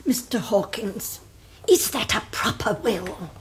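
A woman's voice: medium pitch, lively intonation, takes it slowly. An actress playing a bitter, domineering mother in a stage drama, imperious and scolding. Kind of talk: theatrical stage-drama acting.

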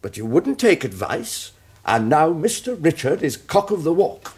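An actor playing a pedantic, exasperated lawyer in a stage drama, speaking formally. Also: male voice, fairly high pitch, very animated, normal speed, heavy background noise. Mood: reproving. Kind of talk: theatrical stage-drama acting.

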